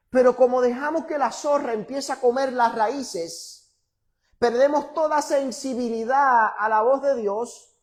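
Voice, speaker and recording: A male pastor, preaching a sermon to a congregation. He moves from loud, emphatic scripture reading to quiet, teasing asides. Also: extremely high pitch. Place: church before a congregation.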